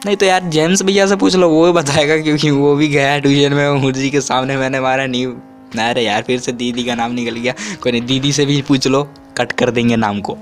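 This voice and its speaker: A young man in his twenties tells childhood stories to his viewers in a loose, rambling style. He restarts and corrects himself mid-sentence and jumps into a much higher voice when quoting. His speaking voice sits at a middling pitch for a man. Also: steady tone, moderate pace, faint music behind. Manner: acts out quotes with sudden high pitch. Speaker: vlogger. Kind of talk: casual storytelling.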